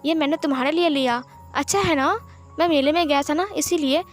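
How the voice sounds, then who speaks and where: A woman voicing a shy, bullied schoolboy who speaks in a soft, hesitant, pleading way. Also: high-pitched, brisk, faint music behind, lightly acted. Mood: hopeful.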